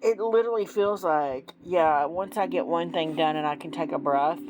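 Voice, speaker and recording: A woman's voice: sits low, moderate pace, low-quality recording. A woman in her forties doing a casual tarot reading, chatty and self-deprecating with frequent ums. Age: 40s. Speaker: tarot reader. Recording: music playing behind.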